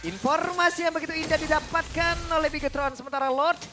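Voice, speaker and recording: A man calling esports play-by-play like an excited fighting game announcer, stretching out dramatic calls. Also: extremely high pitch, music in the background. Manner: dramatic, drawn-out calls of kills.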